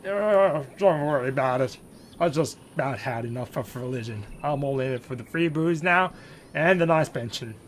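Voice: mid-range voice, expressive, normal speed, a little hiss or hum, natural voice. An actor with a British accent playing a mild, wry vicar who has given up on religion for the free wine. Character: disillusioned boozy male vicar.

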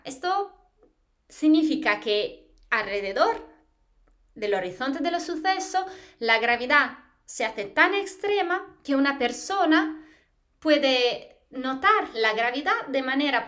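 Standing against the wall of a small plain room, a woman from Italy in her thirties, a postdoc in astrophysics, teaches science to students. Her high voice is lively and full of expression, her hands moving as she explains, and a camera a few feet off frames her from head to waist.

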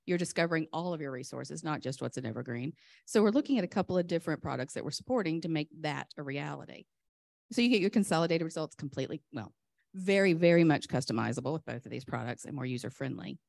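A woman presenting a rushed lightning talk at a conference, enthusiastic and chatty, often interrupting herself in a flustered way. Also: sits low, expressive, gravelly, a little mellow, no room sound. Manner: flustered, chatty self-interruptions while juggling laptop. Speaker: conference speaker, software vendor presenter.

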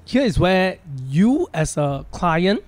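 A man with a Malaysian accent explains things in a casual, practical way. His voice is a little high and comes through close and very dry on a podcast mic. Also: sing-song, takes it slowly, no echo. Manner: practical, plain-spoken. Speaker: financial planner, podcast guest.

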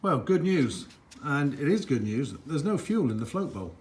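His voice sits on the high side and is very animated, moving at a moderate pace. A man vlogging his garage motorcycle repair, he talks to the camera while working, muttering his thoughts and getting frustrated.

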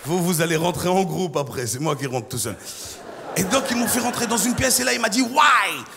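A man from Ivory Coast doing stand-up, acting out characters and bursting into shouted voices. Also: high-pitched, lively intonation, brisk, creaky, crowd noise, noisy background. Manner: acts out characters, switches into loud shouted voices. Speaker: stand-up comedian. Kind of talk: stand-up comedy. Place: large theatre stage. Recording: live hall reverb with audience.

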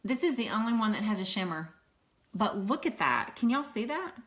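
A woman in her fifties from Louisiana, with a mild Southern accent, sells makeup and is hosting a casual livestream from a table at home, greeting viewers and laughing easily. Her voice sits a little high, with big pitch swings, a moderate pace and a fairly bright tone. The phone camera is close up, and there's slight background noise.

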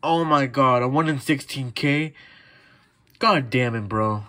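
A man's voice: medium pitch, a little slow. A young man reacting live to his game, swearing and blurting out bursts. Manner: swearing, excitable outbursts. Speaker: gamer recording his play.

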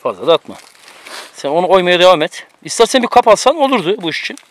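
A man's voice: sits high, big pitch swings, fast. A man cooking outdoors on a mountain, giving teasing, bossy instructions to a friend in casual chat, recorded on a camera mic. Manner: bossy, teasing running commentary.

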